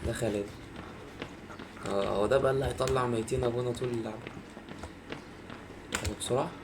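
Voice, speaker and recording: Egyptian male gamer, chatty horror let's-play host, quick delivery, game noise behind him. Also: mid-range voice, fairly even intonation. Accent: Egyptian Arabic. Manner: chatty, addresses viewers often. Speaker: gaming video host. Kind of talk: casual horror game commentary.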